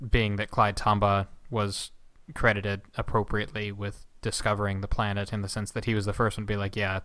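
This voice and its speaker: A man's voice: fairly low pitch, fairly bright tone, clean tone, dry recording. A man co-hosting a casual podcast, explaining astronomy in a chatty, rambling way with asides. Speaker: podcast co-host. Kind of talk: casual chat.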